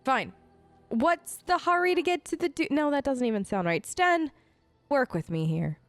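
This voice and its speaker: In a role-play let's play, a gaming host improvises lines as her player character, sounding chatty, casual and a touch hesitant. Her high, expressive voice moves at a moderate pace, the recording has no room sound, and game music sits underneath.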